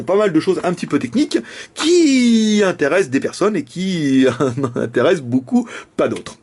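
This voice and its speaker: A man's voice: on the high side, husky. A young man with a casual, jokey manner, reviewing a phone and often laughing. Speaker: tech reviewer.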